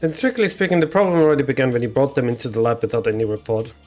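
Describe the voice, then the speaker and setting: A man's voice: mid-range voice, rapid-fire, a little mellow, faint music behind. Brief: a laid-back man streaming a game, mid-range voice, chatty and profane. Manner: casual, swears, reads lines aloud. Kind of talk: live game playthrough with read-aloud translation.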